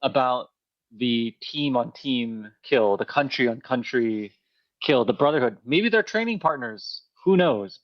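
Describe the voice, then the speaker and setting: A man offers color commentary on a fighting-game match in a measured, reflective manner. His mid-pitched voice sits close and dry on the mic with no room sound. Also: dry recording, lo-fi sound. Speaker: esports commentator.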